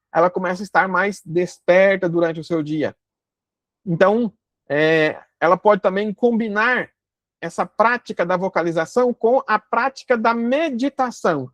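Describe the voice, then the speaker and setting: A woman giving a calm spoken lesson, explaining step by step with frequent fillers and restarts. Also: medium pitch, dry recording. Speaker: instructor.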